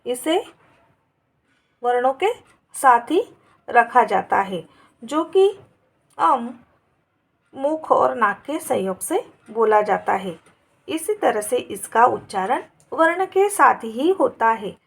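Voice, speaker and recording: Woman, teacher, grammar lesson, patient word-by-word dictation, husky, higher voice. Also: big pitch swings, slow, pauses often.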